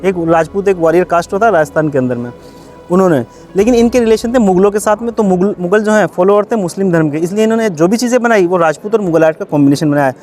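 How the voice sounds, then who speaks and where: A quick-talking man leads a guided tour outdoors at an old palace. His voice sits high, and he lectures his visitors in a chatty way, with asides and questions. Faint music plays behind him. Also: animated, darkish tone.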